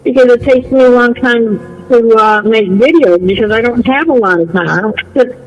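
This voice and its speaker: A man's voice: very high-pitched, moderate pace, highs cut off, a little hiss or hum. A man chatting casually on a call-in, insistent and defensive, often repeating himself. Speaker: online video creator.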